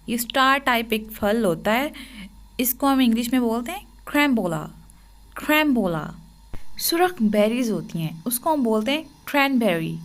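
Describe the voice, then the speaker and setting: A woman gives a relaxed spoken lesson. She talks slowly and unhurriedly, with a slightly high voice. She repeats each word again and again as a drill. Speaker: English teacher.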